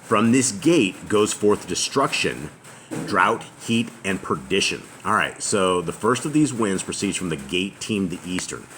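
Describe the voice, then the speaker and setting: A very deep, booming man leads a family scripture reading at a casual home Bible study, reading aloud loudly, very animated, and with pauses. The house is open to the outside with a noisy roof, and faint outdoor ambience sits behind him.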